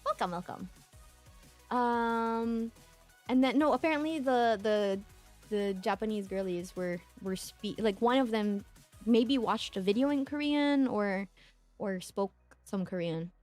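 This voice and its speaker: A woman's voice: measured pace, faint music behind. A young woman from the Philippines, a streamer telling a travel story in casual chat, acting out the people she quotes. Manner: animated, acts out quoted voices with high squeals.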